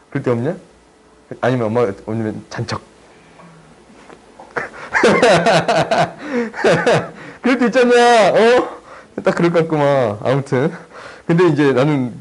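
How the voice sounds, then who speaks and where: Young male tutor, husky voice, chatty and teasing, casual math lesson. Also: medium pitch, a little mellow, low-quality recording. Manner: chatty, teasing, asks students for agreement.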